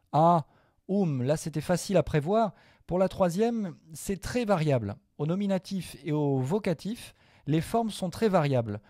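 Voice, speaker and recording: A man teaching a Latin grammar lesson to viewers, patient and methodical, repeating each form slowly with small hesitations. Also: fairly high pitch, dark tone, no echo, clean studio sound.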